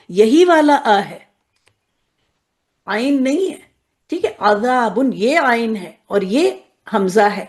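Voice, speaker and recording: A woman teaching Quranic Arabic to women students, often checking if they follow and slowing down to drill each word. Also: a little high, darkish tone. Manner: checks in often with "okay?", drills words slowly. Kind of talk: explanatory lesson to women students.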